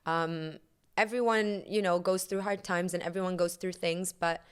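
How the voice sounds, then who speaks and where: A woman guest on a casual interview podcast, relaxed and upbeat, with easy laughs and filler words. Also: lowish voice, normal speed, smooth. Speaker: guest, entrepreneur and yoga instructor.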